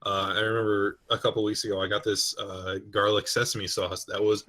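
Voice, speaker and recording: Young male guest, low voice, dry teasing asides. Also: level tone, a little fast, bright, forceful tone. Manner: wry, offhand, teasing. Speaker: podcast guest. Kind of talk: casual chat.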